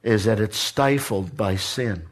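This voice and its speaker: A man preaching a sermon in short phrases, pausing for an interpreter. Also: on the low side. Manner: acts out screaming people in a story. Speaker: guest preacher.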